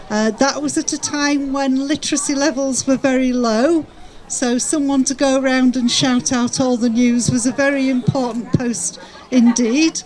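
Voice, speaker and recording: A woman giving a formal public speech as mayor, in a measured and courteous way. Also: high-pitched, darkish tone, rough recording.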